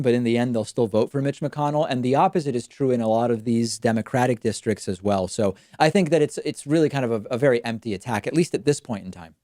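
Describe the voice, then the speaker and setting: A man's voice: mid-range voice, warm tone, no room sound, clean studio sound. A man hosting a call-in show, giving unscripted political commentary in an explanatory, matter-of-fact way.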